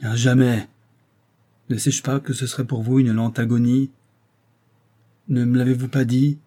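A man's voice: medium pitch, little pitch movement, measured pace, mellow, close to an everyday voice. A man voicing a proud, dutiful young noblewoman in an audiobook, reading her lines in an earnest, declamatory way. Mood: resigned.

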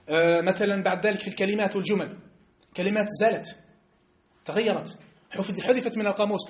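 Fast, high-voiced North African Arabic teacher. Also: male voice. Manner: emphatic, keeps checking understanding with rhetorical questions. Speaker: religious teacher. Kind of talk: classroom lesson. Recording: echoey room.

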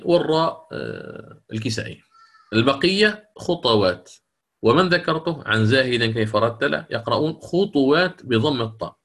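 A man teaching the Quran readings, explaining differences between readers with pauses and fillers, and reciting verses slowly in a melodic chant. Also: mid-range voice, fairly bright tone. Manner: careful explanatory, hesitant fillers. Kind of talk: online Quran readings lesson.

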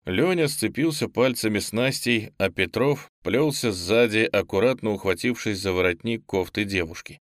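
A man narrating an audiobook in an even, measured way. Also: fairly low pitch, dry recording, clean studio sound.

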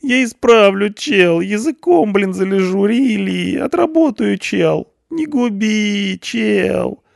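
A man's voice: sits high, animated, slow, creaky, no room sound, studio quality, pitched above the performer's own voice, heavily acted. A man voicing a panicky eighteen-year-old punk boy behind bars, whining and pleading in slang. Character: panicky whiny teenage punk boy in jail.

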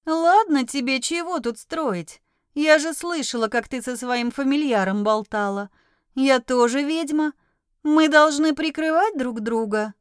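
A woman's voice: high-pitched, a little slow, no room sound, studio quality. A woman voicing a brash, desperate young witch in an audiobook, speaking in a pushy, urgent way.

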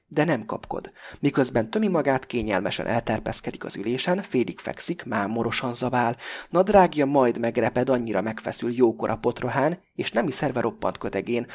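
In scripted audiobook narration, a man's mid-range voice delivers the text with measured pacing and plenty of expression.

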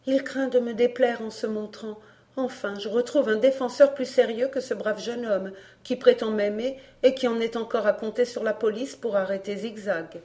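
A woman reading an audiobook, voicing a proud, guarded young woman who speaks quietly and with restraint. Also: on the high side, steady tone, moderate pace, lightly acted. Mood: restrained.

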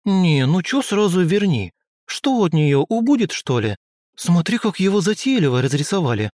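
A man's voice: sits high, sing-song, normal speed, a little mellow, no room sound, studio quality, voice pushed up. A man voicing a mischievous little girl with a nasal, whiny way of talking. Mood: sulky.

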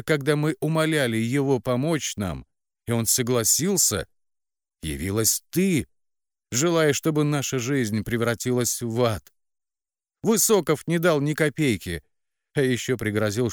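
A man's voice: mid-range voice, dry recording, clean studio sound, voice pushed up, natural voice. A man voicing a bitter, cold middle-aged mother who resentfully blames her daughter. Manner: blaming, resentful.

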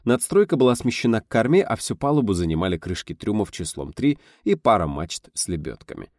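A man with a low voice narrates an audiobook, his pitch rising and falling with lively storytelling. The recording is close and dry, with no room sound. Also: a little fast, dry recording. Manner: animated storytelling, voicing characters.

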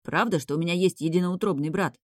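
A woman reading an audiobook, voicing an earnest young prince who speaks quietly and pleads with his mother. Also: lowish voice, fast talker, no echo, studio quality, lightly acted. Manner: quiet, pleading, then firm.

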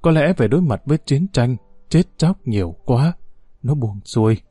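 A man voicing a gentle 105-year-old grandfather who pleads in a trembling, soft voice. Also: mid-range voice, lively intonation, normal speed, breathy edge, no room sound, faint music behind. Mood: pleading, trembling.

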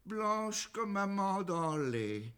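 An actor playing a doddering old beau with a thin, quavering voice, declaiming florid love poetry slowly in a stage farce. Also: male voice, sits high, very animated, fairly bright tone, clear, resonant tone, exaggerated voice. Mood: amorous, florid. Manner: slow florid poetic declaiming. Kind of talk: French stage farce acting.

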